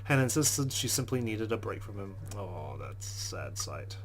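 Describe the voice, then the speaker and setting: A let's play host with a lowish voice, big pitch swings and a moderate pace hosts a game playthrough. He reads the story aloud earnestly and breaks into casual asides.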